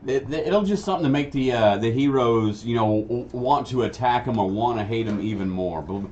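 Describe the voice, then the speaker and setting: A man's voice: medium pitch, moderate pace, darkish tone, a little hiss or hum. A man chatting casually as host, rambling and storytelling about running tabletop games. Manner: rambling, many restarts, storytelling. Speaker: game master and crafting host. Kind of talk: casual chat. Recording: dull lo-fi sound, faint ambience.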